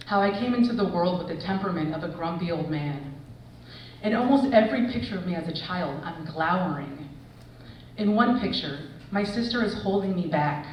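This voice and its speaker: A woman in her forties, an English professor, reading a personal essay aloud with expressive storytelling. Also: fairly low pitch, far from the mic, a little hiss or hum. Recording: echoey hall, voice from afar.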